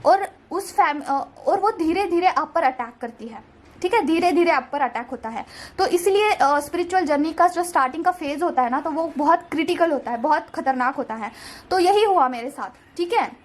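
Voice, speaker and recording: A woman's voice: high-pitched, expressive, moderate pace. A young woman giving a casual, reassuring tarot card reading, mixing English words into her Hindi. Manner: gentle, reassuring, keeps saying "theek hai".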